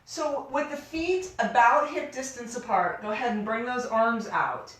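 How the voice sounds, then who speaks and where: Careful, unhurried woman teaching yoga, very echoey. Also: a little high. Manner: careful, unhurried, gentle step-by-step cueing; informal, encouraging. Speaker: yoga instructor. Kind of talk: guided yoga class instruction. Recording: very echoey room, distant microphone.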